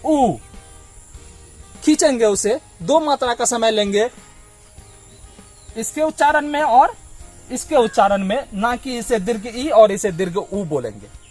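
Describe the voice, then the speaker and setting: A man's voice: very high voice, a little mellow. A man from Bihar teaching a blackboard lesson, patiently sounding out vowels and explaining them step by step. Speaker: Hindi teacher.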